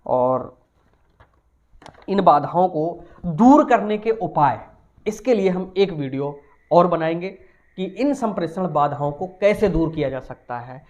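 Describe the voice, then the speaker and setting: A man with a Hindi-speaking Indian accent giving a recorded commerce lecture, explaining point by point and stretching key words slowly. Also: fairly high pitch, expressive, a little mellow. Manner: explains point by point, slow emphatic words, asks and answers himself. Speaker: commerce teacher.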